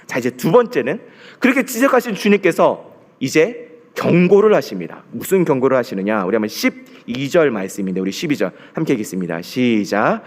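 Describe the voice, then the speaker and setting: A man's voice: medium pitch, big pitch swings, fairly quick. A man preaching a sermon as pastor, asking the congregation questions and leading them through scripture readings. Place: church sanctuary. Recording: long reverb of a church hall.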